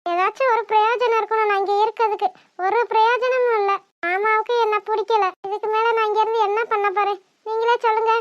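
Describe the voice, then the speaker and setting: A woman's voice: very high voice, level tone, quick pace. A woman voicing a young woman in a cartoon who is ill with a stomach ache, curt and subdued. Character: young woman, sick and hurt, quietly defiant. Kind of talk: cartoon voice acting. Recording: dull dry studio recording.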